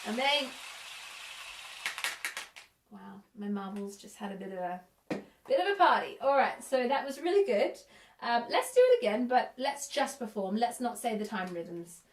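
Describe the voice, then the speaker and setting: A woman teaching a music lesson for young children, counting in and praising warmly. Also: fairly high pitch, big pitch swings, moderate pace, pauses often, slight background noise. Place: room at home. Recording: echoey room, a bit distant.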